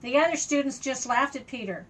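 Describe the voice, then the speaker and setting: Speaking a little fast in a high voice, a grandmotherly older woman reads a kids' story and pauses for simple, expressive explanations aimed at a small child. The recording is rough.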